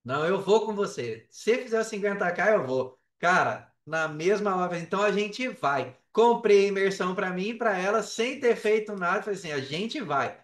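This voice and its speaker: A podcast guest who works in affiliate marketing, this Brazilian man casually narrates personal stories during an interview, with a Brazilian Portuguese accent, frequent repeated words, and check-ins with the listener. His high, somewhat bright voice has lively intonation and a moderate pace with few pauses. The room is echoey and he is far from the mic.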